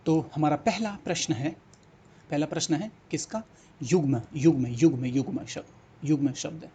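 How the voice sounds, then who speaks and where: A man's voice: fairly high pitch, normal speed, dark tone, slightly rough. A man teaching a Hindi exam-prep lesson, repeating words and coaxing students to think and answer. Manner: repetitive, coaxing questions to students.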